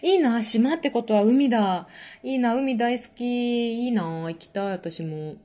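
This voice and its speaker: A woman hosting a casual live-stream chat with her listeners. She is relaxed and chatty, uses lots of fillers, laughs often, and reads out and answers viewer comments. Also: a little high, a little slow. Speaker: podcast host and musician.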